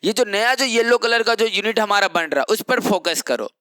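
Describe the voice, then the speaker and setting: A man's voice: high voice, expressive, moderate pace, sharp tone, clear, resonant tone, no echo. A young man teaching chemistry in an exam-prep lecture, explaining step by step and asking rhetorical questions that he answers himself.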